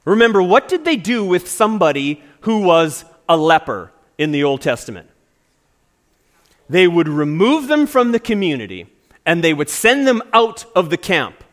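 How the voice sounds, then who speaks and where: A man's voice: sits high, big pitch swings, moderate pace. A male pastor preaching an earnest sermon with emphatic stresses.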